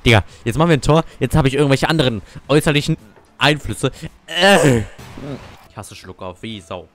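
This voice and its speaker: A man's voice: mid-range voice, expressive, a little fast, fairly bright tone, faint music behind. A young man giving casual gameplay commentary, cursing and ranting at his teammates. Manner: salty, swears and rants at teammates. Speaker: gamer.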